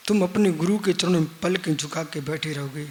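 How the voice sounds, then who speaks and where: A man giving a live religious sermon as a monk, teaching slowly with repeated refrains and rhetorical questions, his voice swinging from loud emphasis down to near-hushed lines. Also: a little high. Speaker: monk preacher.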